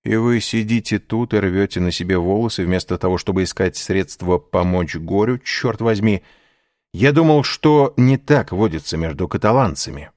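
A man's voice: on the low side, moderate pace, darkish tone, dry recording, studio quality, lightly acted. A man voicing a cunning, envious schemer who talks in a cool, ironic and needling way. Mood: sly, needling.

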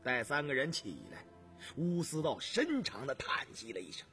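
A man narrating a novel on the radio in a measured, expressive storytelling manner. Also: mid-range voice, soft background music. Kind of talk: dramatic novel reading on radio.

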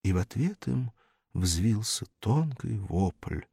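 Lively male reader of a comic story. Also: lowish voice, slow pace, creaky, slightly rough, no room sound, studio quality. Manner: lively, theatrical reading. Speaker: narrator. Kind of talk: storybook reading.

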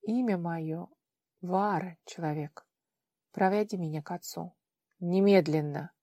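A woman's voice: on the low side, measured pace, dark tone, no room sound, studio quality. A woman voicing a proud, fierce young woman from another world, imperious and desperate in turn, in an audiobook. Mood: gloomy, commanding.

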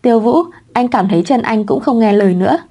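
Woman narrator doing a teasing young husband, mellow low-key read, no real voice change. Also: fast.

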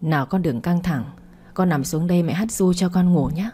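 Woman voicing soft-spoken middle-aged mom, coaxing, mellow husky tone, storybook. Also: lowish voice, moderate pace. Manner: gentle, coaxing. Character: middle-aged mother, gentle and persuasive.

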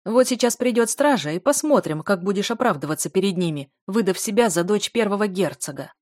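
A woman's voice: medium pitch, expressive, brisk, a little mellow, no room sound, studio quality, natural voice. A woman reading the part of a mocking, arrogant male town healer in an audiobook, jeering and cackling. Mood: smug. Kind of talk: audiobook character voice.

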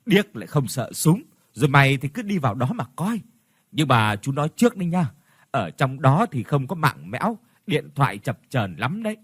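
A man's voice: mid-range voice, sing-song, moderate pace, slightly rough, dry recording, clean studio sound. A man voicing an elderly male inn owner who warns young travellers in a half-joking, teasing way. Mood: warning. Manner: teasing yet cautioning.

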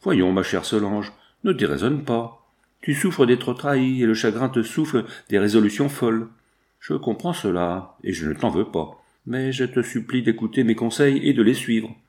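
A man's voice: medium pitch, lively intonation, moderate pace, a little mellow, lightly acted. A man voicing a stern aristocratic father in an audiobook, firm and indignant as he lectures his daughter. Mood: lecturing. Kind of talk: audiobook character voice.

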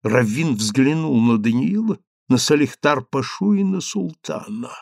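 Man narrating with a gravelly voice. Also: medium pitch, animated, measured pace, darkish tone, dry recording, clean studio sound. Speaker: audiobook narrator. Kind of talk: scripted narration.

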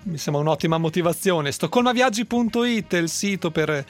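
A man hosting a radio program, interviewing guests in a lively, conversational way with an Italian accent. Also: sits high, a little fast, soft background music. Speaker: radio host.

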